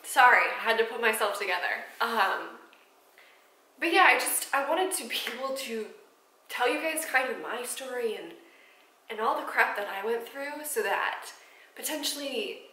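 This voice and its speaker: Bright-voiced woman in her twenties, candid. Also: a little high, animated, normal speed, reverberant, rough recording. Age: 20s. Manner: candid, emotional, many ums and restarts. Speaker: vlogger. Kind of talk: personal vlog talking to camera. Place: apartment room.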